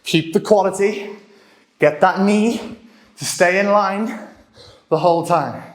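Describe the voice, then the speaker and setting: A man's voice: sits high, takes it slowly. Roomy-sounding male fitness coach counting down. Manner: encouraging, gives short commands and counts down. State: getting out of breath. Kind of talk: live workout instruction. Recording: roomy echo.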